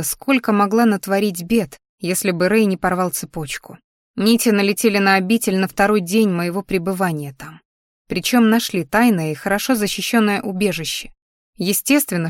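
A woman's voice: mid-range voice, no echo, clean studio sound. A woman reading a first-person fantasy audiobook expressively and with feeling. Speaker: audiobook narrator.

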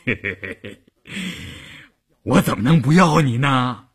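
A man's voice: mid-range voice, expressive, moderate pace. A man playing a blunt army commander. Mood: chuckling. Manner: gruff, exasperated, chuckling. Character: blunt, stubborn middle-aged army division commander.

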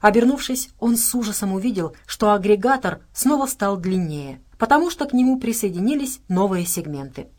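A woman narrating an audiobook in an even, measured reading style. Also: mid-range voice. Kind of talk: scripted narration.

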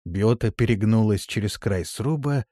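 A man narrating an audiobook in an expressive, steady storytelling manner. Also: fairly low pitch, normal speed, dry recording, clean studio sound. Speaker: audiobook reader. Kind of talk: scripted narration.

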